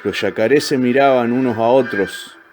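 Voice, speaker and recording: A man narrates a storybook with a calm, measured telling at a mid-range pitch. Soft, faint music runs quietly behind his voice. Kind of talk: storybook reading.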